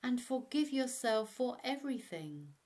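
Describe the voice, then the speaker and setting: Slow-paced woman guiding a meditation. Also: fairly high pitch, sing-song, darkish tone. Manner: slow, measured, instructional delivery. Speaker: meditation guide. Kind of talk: guided meditation narration.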